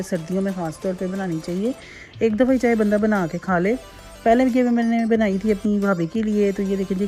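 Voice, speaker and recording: A woman's voice: mid-range voice, dark tone. A woman, hosting a casual home cooking tutorial from her kitchen in a chatty, repetitive way with homely asides. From Pakistan. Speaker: cooking channel host.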